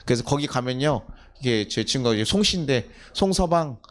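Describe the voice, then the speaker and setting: A man's voice: mid-range voice, animated, brisk, fairly bright tone. A middle-aged male pastor preaching a sermon in a church. He keeps putting questions to the congregation and then answers them himself. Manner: acts out quoted family scolding in a livelier voice. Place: church sanctuary.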